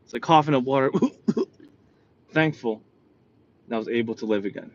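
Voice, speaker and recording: A motivational speaker from New York, with a New York accent, delivers an animated talk packed with personal stories, frequently asking "right?" His voice is medium in pitch at normal speed, and the recording has a dull, lo-fi sound.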